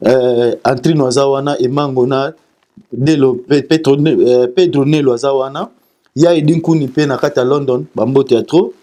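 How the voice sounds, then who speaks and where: Halting man with a dark, mellow voice. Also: mid-range voice, fairly even intonation. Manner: halting, repeats syllables and restarts. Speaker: singer interviewed as guest. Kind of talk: casual interview, sending greetings.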